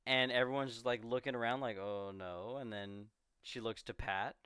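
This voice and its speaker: A man's voice: medium pitch, steady tone, fairly quick, bright, forceful tone, smooth, no room sound, studio quality. Man rambling through a movie plot. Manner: rambling, retells scenes with quoted voices and laughs. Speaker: podcast co-host. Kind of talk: casual movie discussion.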